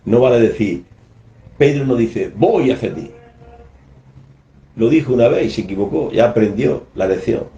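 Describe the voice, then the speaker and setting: A man's voice: medium pitch, animated, normal speed, pauses often, dark tone, slight background noise. A man, preaching an earnest, emphatic radio sermon and acting out scripture quotes. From Spain. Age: 70s. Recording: echoey, dull lo-fi radio broadcast.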